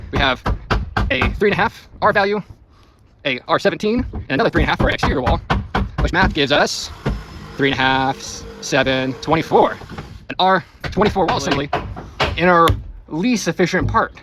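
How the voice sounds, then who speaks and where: Male vlog host, cheerful walkthrough, slightly raised voice, busy site noise behind. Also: on the high side. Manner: upbeat, explanatory, jokey. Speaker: builder hosting a construction vlog. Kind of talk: casual on-site explanation. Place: outdoor building site.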